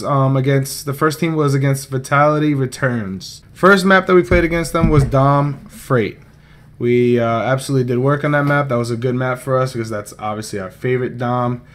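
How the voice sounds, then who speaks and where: A young man hosting his own vlog, recapping a gaming tournament in a chatty, rambling, joking way. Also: mid-range voice. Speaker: esports player and vlog host.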